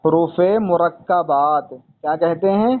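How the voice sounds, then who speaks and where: A man's voice: a little high, takes it slowly, phone-quality sound. A man teaching a student to read Arabic letters, patient and repetitive, often calling the student son. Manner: patient, repeats points, calls the student son. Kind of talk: one-on-one lesson.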